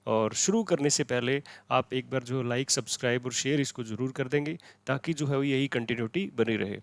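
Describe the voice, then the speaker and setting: A man with an Indian accent teaching an exam-prep lesson, repeating key words as questions and answering them himself, and reading English quiz text slowly. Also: medium pitch, no room sound. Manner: switches into slow, deliberate English when reading questions.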